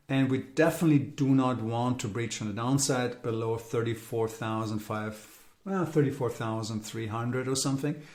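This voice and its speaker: A man with a middle-pitched voice talks through a market update in a loose, rambling way, restarting phrases and leaning on fillers. He sounds weary, and the room around him is echoey. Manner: rambling, repeats words, frequent fillers. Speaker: crypto market commentator. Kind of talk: casual market update monologue.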